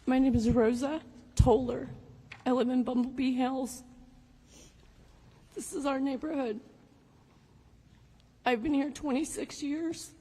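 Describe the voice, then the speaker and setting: Middle-aged woman, witness at a hearing, somewhat high voice, earnest and deferential, courtroom-style recording, long reverb. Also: fairly even intonation, slow, long pauses, dark tone, breathy edge. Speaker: witness giving public testimony. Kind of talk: public testimony.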